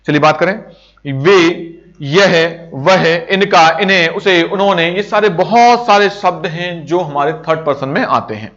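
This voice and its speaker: High-voiced man teaching grammar. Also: measured pace, a bit bright. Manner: explains step by step, repeats terms and examples. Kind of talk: grammar lesson over slides. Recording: dull lo-fi recording.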